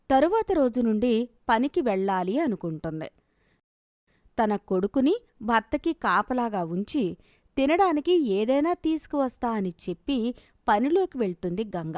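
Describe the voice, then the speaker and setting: A woman narrating a storybook cartoon in a calm, steady storytelling manner. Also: on the high side, dry recording, clean studio sound.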